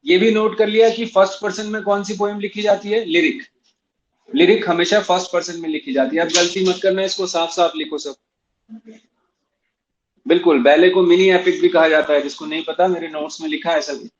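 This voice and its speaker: A man's voice: high voice, steady tone, brisk, dull audio, a little hiss or hum. A man teaching English literature in a classroom, going through exam questions in a mix of Hindi and English, spelling out words and repeating key points. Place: classroom with students, also streamed online.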